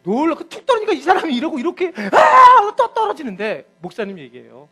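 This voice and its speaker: A man's voice: extremely high pitch, a little fast, faint music behind. A male pastor giving a sermon, telling stories animatedly and acting out what people said. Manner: animated storytelling, acts out quotes.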